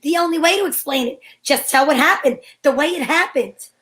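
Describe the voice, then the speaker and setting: In a high-pitched, fairly quick, and fairly bright voice, a woman plays a breezy, sensible, take-charge female detective in an old-time radio mystery. She delivers first-person narration in a wry, matter-of-fact way.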